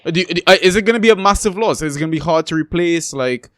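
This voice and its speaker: A man hosts a casual podcast and questions his guest in a chatty, meandering way full of fillers. His voice sits a little high for a man. It is recorded close and dry, with no room sound. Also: fast talker, fairly bright tone, no echo. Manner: chatty, hesitant, lots of ums and restarts. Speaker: podcast host.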